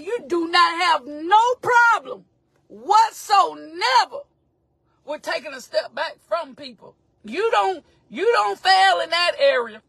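Impassioned high-voiced woman preacher. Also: gravelly, no room sound. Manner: impassioned, call-and-response, shouting and half-singing. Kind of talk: motivational sermon.

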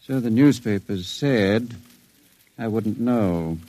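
An actor playing an intelligent, sensitive long-term sanitarium patient in an old radio drama, speaking in a measured, cautious, educated way. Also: male voice, fairly low pitch, mellow, no echo. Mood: guarded.

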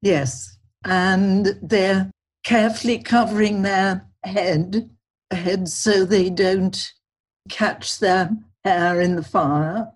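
An older woman, a culinary historian, answering interview questions in an unhurried, reflective way. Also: medium pitch, steady tone. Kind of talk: podcast interview.

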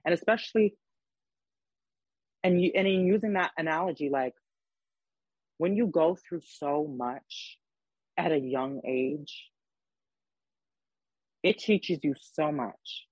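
Young male podcast host, husky and a bit high-pitched, emphatic and blunt, on a dull, muffled recording. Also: slow pace, pauses often, no echo. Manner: emphatic, swears freely. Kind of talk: casual podcast chat.

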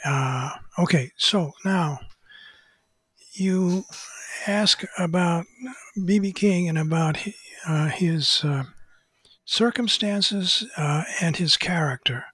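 Older man, interview guest, unhurried, husky tone, frequent pauses. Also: a little high, no echo. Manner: hesitant, many "uh" pauses, quotes others in a hushed voice. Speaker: author and photographer interviewed as guest. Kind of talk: unscripted storytelling interview.

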